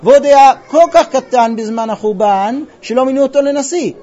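A man's voice: very high voice, mellow, muffled recording. A man teaching a Talmud class, retelling stories with quoted dialogue and quizzing his students. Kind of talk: classroom lesson with storytelling.

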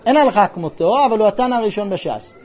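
A man's voice: sits high, lively intonation, a little mellow, muffled recording, slight background noise. A man teaching a Talmud class, retelling stories with quoted dialogue and quizzing his students. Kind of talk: classroom lesson with storytelling.

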